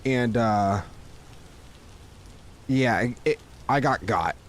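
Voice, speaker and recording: A man's voice: medium pitch, very slow. A man casually commenting on his gameplay in a joking, wry way. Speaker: gameplay host. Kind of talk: casual let's-play commentary.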